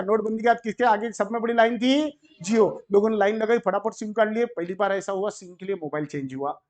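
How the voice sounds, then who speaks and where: A man with an Indian accent lectures a commerce class in a fairly high voice. He keeps the room engaged by asking questions and briefly acting out shopkeepers and sellers. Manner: animated, asks the class questions and acts out shopkeepers. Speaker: commerce tutor.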